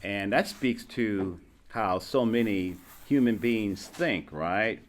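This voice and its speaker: A man with a lowish voice speaks slowly as host of a casual interview, coaching his guest on branding. He explains his points using everyday examples.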